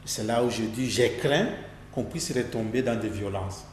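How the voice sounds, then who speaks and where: A man from Rwanda speaks in an earnest, deliberate way, weighing his words and often restarting them. His voice sits at an ordinary pitch. The recording has a long, roomy reverb and a faint hum underneath. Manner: deliberate, with frequent restarts and pauses. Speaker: interviewee, Rwandan political voice. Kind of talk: earnest political interview.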